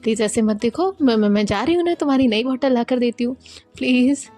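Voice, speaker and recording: Woman voicing a flustered young woman, stammering, pleading, high voice. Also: a little fast, mellow, faint music behind, natural voice.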